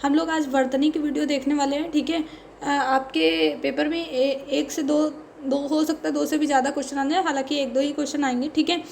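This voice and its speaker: High-voiced woman teaching, faint hiss. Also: steady tone, brisk, creaky, darkish tone. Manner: explains patiently, says "ठीक है" constantly. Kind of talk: spelling lesson for exam prep.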